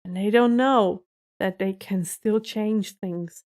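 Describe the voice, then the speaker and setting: A woman's voice: medium pitch, slow, a little mellow. Gushing young woman rambling as a fan. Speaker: reaction video host. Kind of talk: casual reaction commentary.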